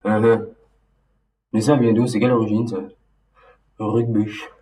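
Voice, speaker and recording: A man talking casually and loosely about his memories, halting and restarting often with lots of fillers. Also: lowish voice, flat delivery, warm tone, a little hiss or hum. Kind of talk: casual rambling monologue. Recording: roomy echo, mic at a distance.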